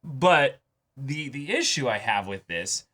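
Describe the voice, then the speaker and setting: Hosting a reaction show, a man chats casually about an anime episode, speaking emphatically and swearing freely. His mid-range voice is slow, sing-song, and bright, with a forceful edge.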